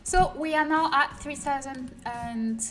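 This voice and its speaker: A Frenchwoman with a French accent and a high, slightly bright voice speaks a little slowly as she works during a casual livestream. She often mutters to herself or drops to a whisper, and the distant mic picks up music behind her.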